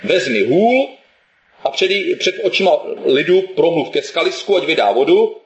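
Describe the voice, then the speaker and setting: A preacher voicing God as a calm, commanding divine figure in a plain, measured way. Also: male voice, fairly high pitch, reverberant, highs cut off.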